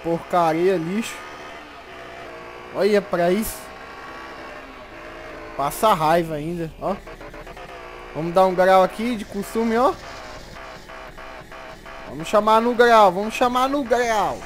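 High-voiced excited gamer man. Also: slow, long pauses, faint music behind. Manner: excited, repeats every phrase twice, slangy. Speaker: gameplay commentator. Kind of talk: casual gameplay commentary.

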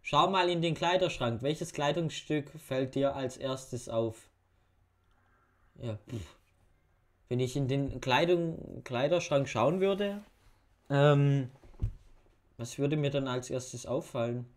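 A man's voice: mid-range voice, takes it slowly, pauses often. A young man reading quiz questions aloud and muttering wry answers in a casual home video commentary. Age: young adult. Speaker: YouTuber. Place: bedroom at home. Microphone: webcam facecam.

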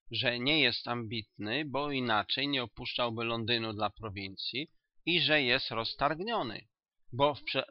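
A man voicing a confident, ironic detective in a storybook reading, with a measured, dry delivery. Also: medium pitch, dry recording. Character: cool, self-assured male detective, ironic. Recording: dull, dry audiobook recording.

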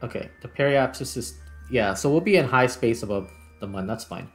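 A man with an animated, mid-range voice talks a little fast as he plays through a gaming video, musing aloud in casual commentary. Music plays in the background.

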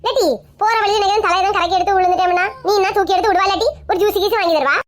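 Woman acting a bossy old mother-in-law, Kanyakumari Tamil accent, very high squeaky voice, coaxing and nagging, comedy sketch. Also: steady tone, racing. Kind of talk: comic family sketch.

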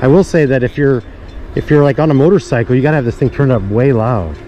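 A middle-aged man on a ride through a suburban street talks to his viewers in a warm, medium-pitched voice at a quick pace. His vlog chatter is loose and rambling with joking asides, captured by dull action-camera audio amid street noise.

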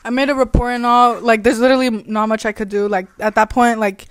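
Young woman vlogger, lively laughing storyteller, slightly high voice. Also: fast talker. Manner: animated, laughing, sassy retelling. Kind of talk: casual storytelling chat.

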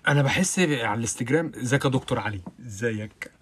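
A young man with an Egyptian Arabic accent, hosting a casual live stream, chatting with viewers and answering their comments, with bursts of loud laughter. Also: expressive, a little hiss or hum. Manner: rapid chatty talk with frequent oaths and bursts of loud high laughter.

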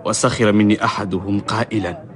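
An actor playing a righteous humble barber in a historical radio drama, declaiming formal Arabic with passion. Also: male voice, lowish voice, steady tone, brisk, close to an everyday voice. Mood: indignant. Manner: impassioned, declaiming.

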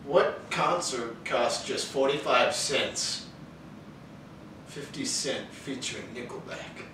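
A young man casually telling jokes and bantering with a friend, bro-ish and quick to laugh. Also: mid-range voice. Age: young adult. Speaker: contestant in a try-not-to-laugh joke challenge. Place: living room couch, indoors. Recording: echoey room, distant mic, faint noise.

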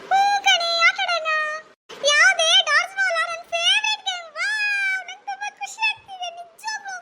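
Woman playing a cartoon girl, gushing and emotional, extremely high squeaky voice, hissy recording. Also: fairly quick, bright, forceful tone. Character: excitable girl, big sister and hostess. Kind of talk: animated cartoon skit voice.

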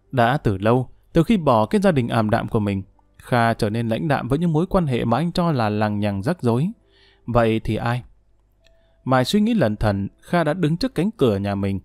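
A male audiobook narrator reading a drama in a steady storytelling voice. His pitch sits in a plain middle range, the sound dry and close, with soft music under it. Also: no room sound.

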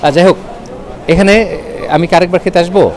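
Reviewing a restaurant on camera, a Bangladeshi-accented man who hosts a food and travel vlog keeps things chatty and casual, slipping in English words. His voice is high-pitched and a bit dark in tone, with fairly even intonation and a slightly fast pace. Roadside traffic and chatter bustle in the background.

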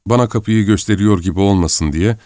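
A man narrating a novel in the first person in a measured, reflective way, on a close studio mic. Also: on the low side, mellow, no room sound. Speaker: audiobook narrator.

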